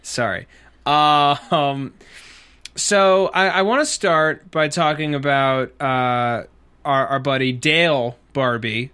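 A young man hosting a casual TV recap chat, animated and jokey, sometimes slipping into goofy sing-song bits. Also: medium pitch, slow pace, clean tone. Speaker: host.

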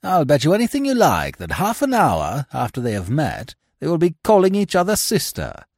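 A man playing a fussy young gentleman who talks in an irritable, flustered way. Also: on the high side, huge pitch swings, moderate pace, creaky, breathy edge, no room sound, clean studio sound, voice pushed up, full character voice. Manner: peevish, flustered.

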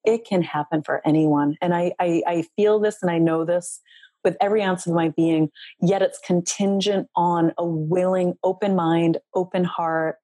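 A middle-aged woman with a lowish voice, recorded with no echo, speaks as a podcast guest in a heartfelt interview. Soft-spoken, earnest and reflective, she shares her healing as a relationship coach.

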